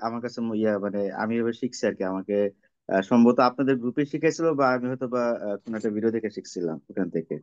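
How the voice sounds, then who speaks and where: A man's voice: medium pitch, racing, a little mellow, dry recording. A man speaking as a student in an online class, explaining hesitantly with many fillers. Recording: dry, dull lo-fi audio.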